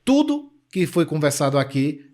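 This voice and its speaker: A man's voice: a little high, very animated, moderate pace, a little mellow. A man with a Brazilian accent hosting an interview podcast, enthusiastic and repeating words as he searches for them. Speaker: podcast host.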